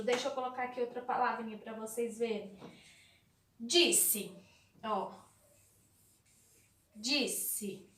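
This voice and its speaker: Slow sing-song woman teacher, echoey room. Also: fairly high pitch. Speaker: primary school teacher. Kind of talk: recorded online lesson for young children.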